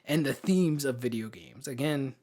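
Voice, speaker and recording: Here a man of medium pitch with a darkish tone speaks at normal speed as a podcast co-host. He discusses films in a casual, informal way, pressing his opinions with emphasis.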